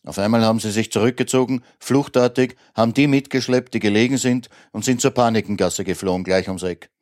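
A man's voice: lowish voice, a little mellow, no echo, clean studio sound. A man on a radio show reading aloud an eyewitness account and a poem in a matter-of-fact way. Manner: brisk, matter-of-fact recounting. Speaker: radio presenter and reader.

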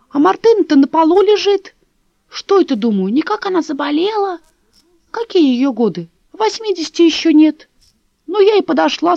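A woman's voice: extremely high pitch, creaky, darkish tone, no room sound, pitched above the performer's own voice, full character voice. Woman doing a fussy chattering old granny. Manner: chattering, wheedling, repeats herself. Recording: dull lo-fi dry recording.

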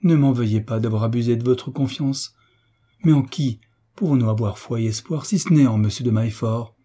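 A man's voice: medium pitch, brisk, mellow, breathy edge, close to an everyday voice. A man reading the part of a young orphaned heiress who pleads earnestly in a storybook reading. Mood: pleading. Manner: earnest, imploring.

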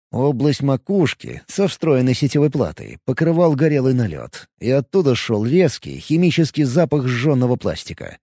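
A man narrating a first-person audiobook in an expressive, lively way. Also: medium pitch, husky, no room sound, clean studio sound.

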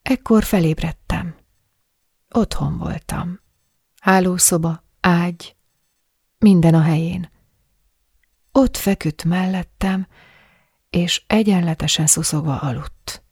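Hungarian woman reading an audiobook, first-person narration, husky breathy voice, dry close recording, confessional tone. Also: lowish voice, long pauses, a little mellow, no room sound. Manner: intimate, confessional storytelling.

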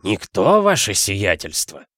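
Old household butler, man reads him; slow, stately, creaky. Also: fairly low pitch, wildly swooping pitch, a bit bright, dry recording, clean studio sound, full character voice. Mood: dignified. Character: dignified old male butler.

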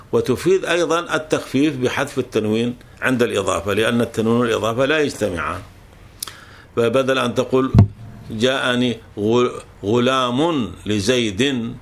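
A man teaching a grammar lesson, patiently explaining with examples and often restarting words. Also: mid-range voice.

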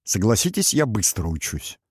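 A man voicing a cheerful, self-assured male king in an audiobook, with a lively, lightly teasing manner. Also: fairly low pitch, moderate pace, breathy edge, no room sound. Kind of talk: audiobook character voice.

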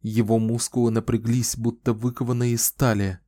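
A man reading an audiobook as narrator, with measured storytelling. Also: mid-range voice, flat delivery, dark tone, dry recording. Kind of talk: scripted narration.

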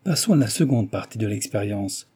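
A man voicing a composed, courteous aristocratic marquis in an audiobook, in a measured way. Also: lowish voice, lively intonation, warm tone, husky. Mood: puzzled.

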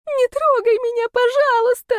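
Woman voicing panicked young girl, very high shrill wailing, begging, audiobook. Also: steady tone, normal speed, no echo. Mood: terrified pleading. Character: terrified young girl, sobbing pleas.

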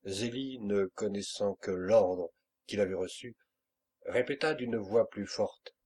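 A man narrating a classic adventure novel as an audiobook in a measured, expressive reading. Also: fairly low pitch, husky. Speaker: audiobook reader.

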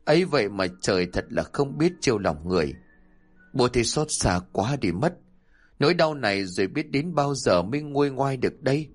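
A man's voice: mid-range voice, expressive, normal speed, husky. Sly, fake-pious old father-in-law, trembling and pleading, as a male narrator voices him; audiobook. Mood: feigned grief.

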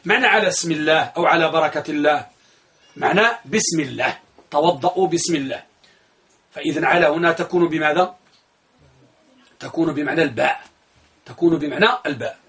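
A man's voice: on the high side, a little fast, pauses often, fairly bright tone. A man teaching a grammar lesson. He asks the class questions, answers them himself, and repeats key phrases for emphasis.

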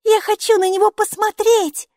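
A woman voicing an excited little girl who speaks in high, breathless exclamations in an audiobook. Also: moderate pace, dry recording, studio quality. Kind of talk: audiobook character voice.

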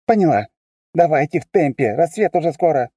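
A man's voice: on the high side, animated, fairly quick, warm tone, slightly rough, dry recording, lo-fi sound, pitched above the performer's own voice. A man voicing a small flying drone that speaks in a displeased, curt woman's voice, slightly distorted by its speakers.

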